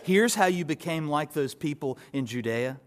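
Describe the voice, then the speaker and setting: A man's voice: a little high, animated, normal speed. Man preaching with emphatic rises. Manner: expository preaching with rising emphatic peaks and soft asides. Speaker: pastor. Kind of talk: sermon.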